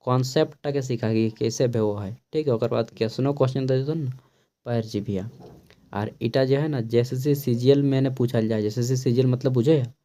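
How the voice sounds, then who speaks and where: A mellow, mid-range male voice with Khortha-tinged Hindi teaches exam preparation at an unhurried pace. He frequently pauses to confirm understanding with a brief "okay."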